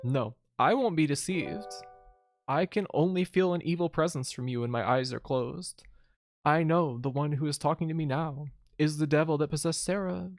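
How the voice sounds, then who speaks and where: Someone reading as a stubborn devoted lover in a video game, no room echo, soft music behind. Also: medium pitch, normal speed, close to an everyday voice. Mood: defiant, stubborn. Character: defiant devoted lover refusing a devil's deception. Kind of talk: video game dialogue read aloud.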